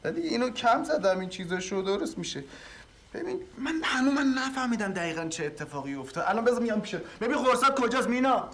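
A flustered, rambling husband. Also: male voice, very high-pitched, animated, a bit bright, a little hiss or hum, heavily acted. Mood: fussing. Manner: rambling, fussy, easily flustered. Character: fussy rambling husband, well-meaning and clumsy. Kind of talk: comedy series acting.

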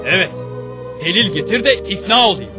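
Distrustful challenger: high-pitched, accusing, insistent historical-drama delivery with music underneath. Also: male voice, expressive, fairly quick. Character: insistent, distrustful man demanding proof from a holy man. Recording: music behind the voice.

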